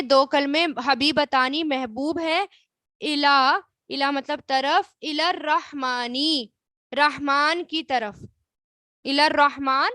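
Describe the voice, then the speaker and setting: Bright high-voiced woman teaching slowly. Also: dry recording, studio quality. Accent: Pakistani Urdu. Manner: explains slowly, drawing out words and repeating them; asks the class questions and answers them herself. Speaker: Arabic grammar teacher. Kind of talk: online class lesson.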